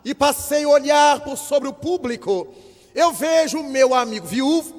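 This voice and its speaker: An older man giving a spiritist lecture, telling a story with lively acted-out dialogue. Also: very high-pitched. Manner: lively storyteller, acts out voices in quotes. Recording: long hall reverb.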